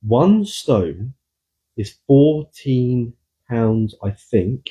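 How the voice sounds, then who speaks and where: Brief: man, podcast co-host, husky tone, lively swearing banter. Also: mid-range voice, drawn-out words. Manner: animated, swearing storyteller. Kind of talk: casual podcast chat.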